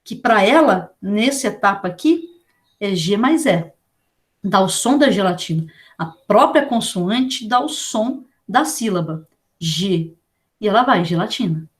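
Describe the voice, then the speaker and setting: A woman with a Brazilian accent giving a casual online lecture, chatty and full of slang, spelling out letters slowly. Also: medium pitch, expressive. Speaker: teacher.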